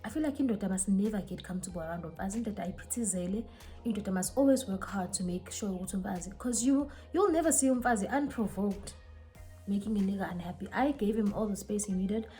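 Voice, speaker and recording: Animated South African woman, mellow voice. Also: medium pitch, fast talker, faint music behind. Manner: animated, code-switching, dramatic retelling. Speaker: vlogger. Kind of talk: casual storytime while getting ready.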